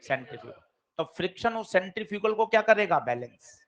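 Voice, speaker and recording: A man teaching a physics class, lively and quizzing his students directly. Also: sits high, fast talker. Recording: dull lo-fi classroom recording.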